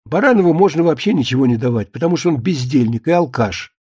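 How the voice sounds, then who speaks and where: A shrill, scolding middle-aged wife, as a male narrator puts her on, raised well above his husky voice. She nags insistently and leaves no room to answer. The audiobook sound is dry and close. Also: lively intonation, quick pace, dark tone, dry recording. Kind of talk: audiobook character voice.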